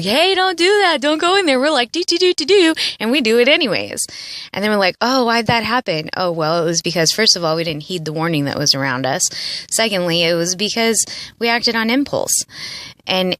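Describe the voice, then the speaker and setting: A woman in her late thirties talks through her own experiences in a reflective audio blog, earnest and confessional. She rambles, leaning on "like" and "you know", in a slightly low voice. The recording is close and dry. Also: a bit bright, no echo. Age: late 30s. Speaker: audio blogger. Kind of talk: reflective personal monologue.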